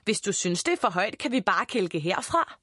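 A woman's voice: medium pitch, very animated, pushed and bright, husky, no room sound, studio quality, full character voice. A woman voicing a cocky little boy who brags and teases. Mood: smug. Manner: bragging, teasing.

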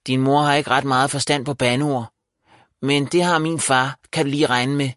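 A man voicing a bold, excitable young village boy in a children's audiobook, with an emphatic manner. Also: medium pitch, no room sound, voice pushed up, lightly acted. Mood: indignant. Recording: dry close voice.

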